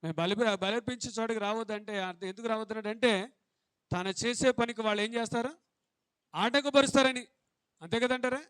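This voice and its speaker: High, resonant-voiced male preacher. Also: brisk, fairly bright tone, clear, resonant tone, no room sound, studio quality. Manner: fervent preaching with repeated rhetorical questions to the listeners. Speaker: bishop preaching. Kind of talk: sermon.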